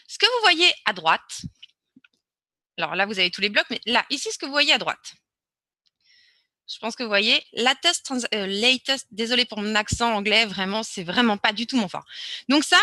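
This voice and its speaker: A woman's voice: a little high, sharp tone, dry recording. A woman presenting a live webinar, talking casually and hesitantly with many fillers and restarts as she answers questions and shares her screen.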